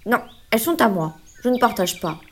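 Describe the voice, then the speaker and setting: A woman's voice: fairly high pitch, a little fast. A woman voicing a selfish male raccoon in a children's storybook reading, curt and bossy. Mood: possessive. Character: selfish male raccoon, possessive, later softening.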